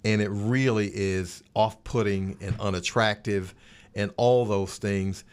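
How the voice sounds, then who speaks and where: On the same kind of laid-back sports podcast panel, this man speaks at a measured pace with a steady, lowish, clear and resonant voice. He still hammers his points home, repeating words for emphasis.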